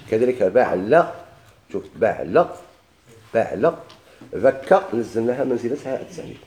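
A man's voice: mid-range voice, dark tone. A man with a Moroccan Arabic accent teaching a classical grammar lesson. He quotes verses, then explains them step by step and puts questions to his students.

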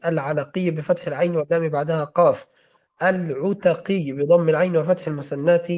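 A man's voice: a little high, a little mellow. A man reading a classical hadith-studies text aloud in a lesson, steadily spelling out names and their vowels. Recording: dull lo-fi recording.

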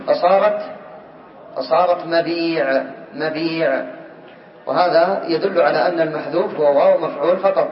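A man teaching a class, quizzing his students and calling on them, slowly repeating key words. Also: fairly high pitch. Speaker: teacher of Arabic morphology. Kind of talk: classroom lecture. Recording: distant, roomy, dull lo-fi recording.

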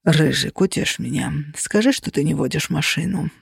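A man's voice: fairly high pitch, normal speed, gravelly, a little mellow, breathy edge, no room sound, clean studio sound. Woman doing a sarcastic whispering male navigator. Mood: groaning. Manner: terse whispered commands, weary sarcasm. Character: sardonic male mage navigator, exasperated and bossy.

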